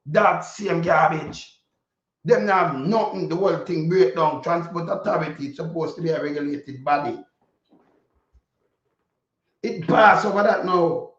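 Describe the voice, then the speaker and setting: A Jamaican man giving an informal political rant in Patois, blunt and indignant, with heavy swearing. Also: a little high. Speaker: political commentator. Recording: dull lo-fi audio, echoey room.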